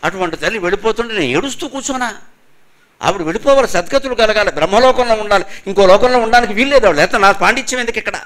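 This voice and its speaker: Older male religious speaker, slightly high voice, emphatic, chants verses slowly, lectures in a function hall. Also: lively intonation, fairly bright tone. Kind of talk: spiritual lecture to a live audience.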